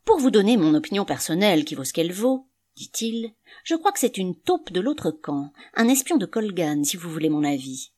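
A woman's voice: lowish voice, big pitch swings, normal speed, a little mellow. A woman reading an audiobook, voicing a grumbling, scornful middle-aged male canvasser with an indignant, sneering manner.

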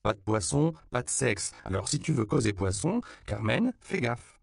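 A man's voice: lowish voice, expressive, moderate pace, gravelly, warm tone, dry recording, pitched above the performer's own voice. A man voicing a blunt, outspoken woman doctor in an audiobook, firm and teasing.

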